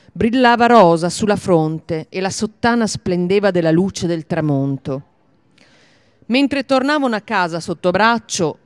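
A storyteller reads a fairy tale aloud, slow and soft, in a middle pitch. The sound is dry and close to the mic. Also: no echo.

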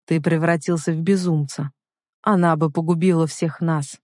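A woman reading a male henchman who confesses calmly and coldly, in an unhurried voice. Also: low voice, dry recording, clean studio sound, lightly acted. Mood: calm coldness. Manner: calm, cold, unhurried. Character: calm, cold male henchman turned traitor.

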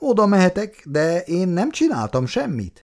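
A man's voice: sits high, wildly swooping pitch, a little mellow, voice pushed up, heavily acted. A man voicing a cheeky young man who teases with feigned innocence.

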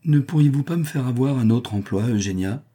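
A man's voice: fairly low pitch, moderate pace, dark tone, slightly rough. A man voicing a weary young slave girl who complains and pleads in a read-aloud novel. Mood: pleading. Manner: plaintive, pleading.

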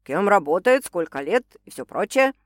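A woman's voice: mid-range voice, big pitch swings, normal speed, no room sound, natural voice. A woman voicing a tired, suspicious young woman who demands details, in a dry recording.

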